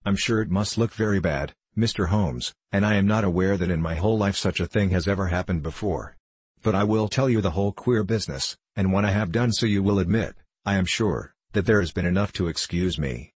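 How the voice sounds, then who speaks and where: A stout, respectable gentleman, voiced by a male reader complains in a pompous, indignant manner. The voice is low and husky. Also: a little fast, dry recording.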